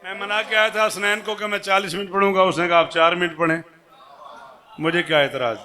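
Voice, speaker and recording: A man delivers a religious majlis address in a high, lifted voice. He is animated and calls out to his listeners by name, rising into loud emphatic bursts. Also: a little fast. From Pakistan. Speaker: majlis speaker. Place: large imambargah hall with audience.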